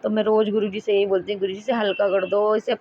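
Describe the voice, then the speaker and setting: A devotee shares a satsang testimony, telling a devotional story to listeners in a chatty, rambling way, often restarting and correcting herself mid-word. When she speaks to her guru she becomes earnest and pleading. Her mid-range voice is quick, a little mellow and fairly flat, on a dull lo-fi recording with faint hiss.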